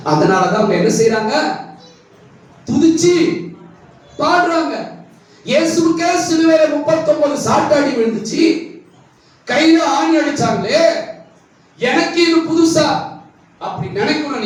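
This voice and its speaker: A male pastor preaching a sermon, asking questions of the congregation, his voice swinging between high and low. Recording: echoey hall, voice from a distance, faint noise.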